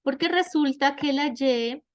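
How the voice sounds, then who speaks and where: A woman teaching an online class at an unhurried pace, explaining each rule carefully. Her voice sits a little high for a woman, and she keeps checking in with her students through questions. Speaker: English teacher.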